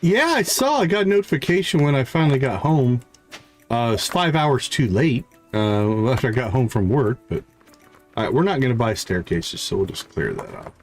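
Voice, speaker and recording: Soft background music plays as a man streams a game live, musing aloud in quick casual fragments and talking to viewers. His voice is medium-pitched and very animated at normal speed, with a slight throaty catch.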